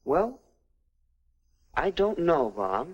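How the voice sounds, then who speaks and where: A man's voice: a little high, very animated, very slow, husky, heavily acted. Dull vintage sound, naive American teenage boy. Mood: hesitant, hurt. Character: naive, earnest 1950s American teenage younger brother. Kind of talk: stagy 1950s educational film acting. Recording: dull old film soundtrack.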